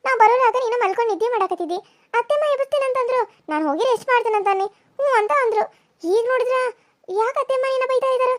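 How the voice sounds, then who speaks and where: A woman's voice: very high-pitched, fast, no echo, studio quality. Woman voicing a sly, pampered young sister-in-law. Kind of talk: cartoon voice acting.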